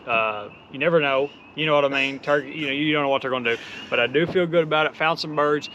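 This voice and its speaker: A man's voice: on the high side, fast, sharp tone, lo-fi sound, slight background noise. A man chatting casually for a hunting vlog in a folksy country drawl. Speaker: turkey hunter.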